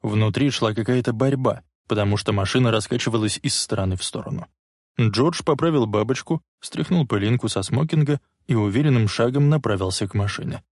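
Male audiobook narrator, measured delivery, medium voice, dry close recording. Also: mid-range voice, darkish tone, dry recording. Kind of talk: scripted narration.

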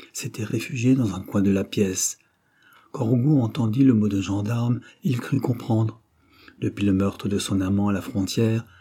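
A man narrating a novel in a dramatic, expressive reading. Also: on the low side, husky. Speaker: audiobook narrator. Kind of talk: scripted literary narration.

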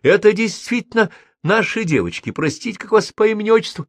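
A man's voice: sits high, animated, a little fast, no room sound, pitched above the performer's own voice. A man reading a story aloud and voicing an anxious, indignant woman professor in a raised voice. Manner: anxious, pleading, then indignant shouting. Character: flustered middle-aged woman professor.

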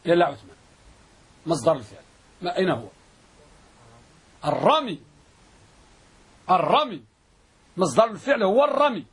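A man teaching a grammar class, repeating definitions slowly and quizzing his students. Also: high voice, breathy edge. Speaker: Islamic scholar teaching Arabic grammar.

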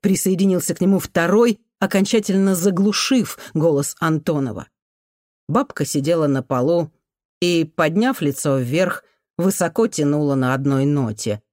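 A narrator reading a novel aloud as an audiobook, in a measured, even storytelling manner. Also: mid-range voice, no echo, studio quality.

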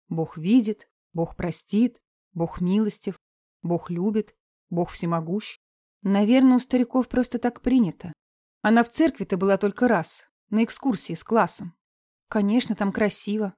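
Mellow woman narrating, calm and measured. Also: a little high, no echo, clean studio sound. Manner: calm, measured, subdued reading. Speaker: audiobook narrator. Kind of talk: scripted narration.

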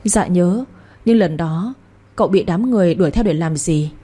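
A woman's voice: fairly low pitch, normal speed, dark tone, slightly rough. A woman voicing a polite, curious young woman asking questions.

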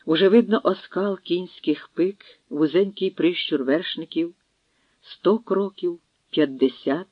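A male narrator reads a battle-filled historical tale with dramatic pacing, his voice sitting slightly high for a man. The recording is dull and lo-fi, very dry, with no room sound. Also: unhurried, dry recording. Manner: dramatic storytelling. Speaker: audiobook narrator. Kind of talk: scripted narration.

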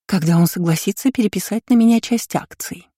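A woman voicing a scheming, seductive stepmother in an audiobook story, lifting her voice higher and coy. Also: fairly quick, dark tone, husky, no room sound, clean studio sound, lightly acted.

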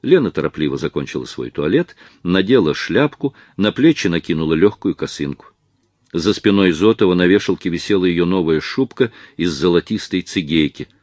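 Low-voiced expressive male narrator. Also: normal speed, no room sound. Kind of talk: audiobook reading.

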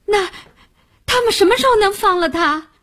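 A woman's voice: on the high side, unhurried, darkish tone, husky, no echo, clean studio sound. A woman voicing an anxious young woman journalist who asks urgent, pleading questions.

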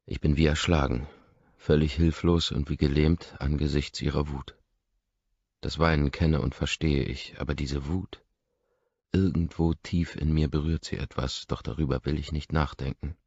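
Very deep gravelly male reader. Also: steady tone, moderate pace, darkish tone, dry recording. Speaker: audiobook reader. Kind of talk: first-person audiobook narration. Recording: dull lo-fi dry recording.

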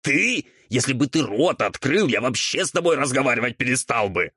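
A sly old ghoul whines and squabbles in a husky, raised voice, as a man puts him on for an audiobook. His pitch swoops as he argues, and the recording is close and dry. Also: very animated, pushed and bright, no room sound, exaggerated voice. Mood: squabbling. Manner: quick, indignant squabbling. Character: old bickering male ghoul mentor, sly and whiny. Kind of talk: audiobook character voice.

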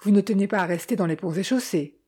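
A woman voicing a calm, decisive young fiancée who talks in a composed, gently persuasive way. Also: medium pitch, quick pace, slightly rough, close to an everyday voice.

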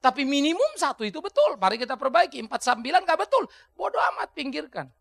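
A male pastor preaching a sermon in a colloquial way, swinging between hushed asides and loud outbursts. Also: very high voice, sing-song, fast, creaky, dry recording.

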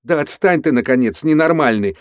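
A man's voice: a little high, animated, a little fast, darkish tone, dry recording, studio quality, pitched above the performer's own voice, lightly acted. A man voicing a frightened male prisoner who pleads and snaps at his cellmate in an audiobook. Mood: yelling. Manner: tense, pleading. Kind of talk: audiobook character voice.

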